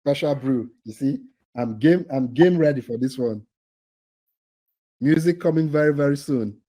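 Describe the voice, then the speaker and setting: A man's voice: mid-range voice, moderate pace, warm tone, poor audio. A man hosting a live online quiz for a training cohort over a video call, teasing the players and laughing often.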